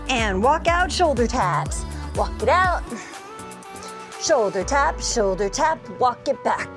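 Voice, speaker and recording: A middle-aged woman leading a workout as an encouraging, energetic instructor, calling out short motivational cues while exercising. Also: high-pitched. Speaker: fitness instructor, host. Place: inside a motorhome living area. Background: music.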